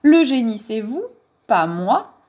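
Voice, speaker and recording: A woman's voice: a little high, sing-song, takes it slowly, a little mellow. A woman voicing a polite, somewhat timid young male wolf in a children's story.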